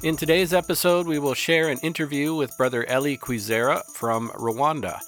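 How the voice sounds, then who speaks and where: A man hosting a podcast, introducing the show and asking a guest measured questions. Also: a little high, fairly even intonation, a bit bright, soft background music. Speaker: podcast host and interviewer. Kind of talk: podcast interview.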